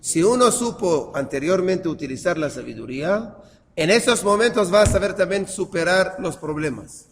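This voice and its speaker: A male teacher giving a class on scripture. He reads verses slowly and then explains them, asking himself what they mean. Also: high-pitched, lively intonation, big-room sound, slight background noise.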